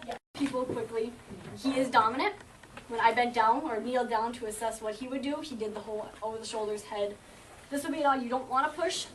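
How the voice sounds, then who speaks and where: A woman who trains shelter dogs, teaching a group of volunteers with confidence and acting out what the dog thinks. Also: fairly high pitch. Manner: confident, explains with quick acted-out dog thoughts. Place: indoor room at an animal shelter. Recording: distant camera mic, faint noise.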